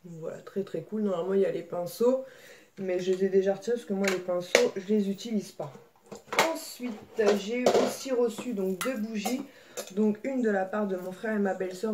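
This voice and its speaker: A woman, chatting casually in a haul vlog at home, with many fillers and a scratchy throat. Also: medium pitch. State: slight throat irritation. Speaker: vlogger.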